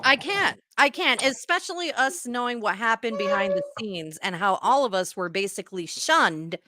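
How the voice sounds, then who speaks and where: A woman's voice: on the high side, expressive, normal speed, pushed and bright, a little hiss or hum. A woman with a Spanish accent on a podcast livestream, speaking in an upset, emphatic way and often repeating herself. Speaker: podcast co-host. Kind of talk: heated livestream discussion.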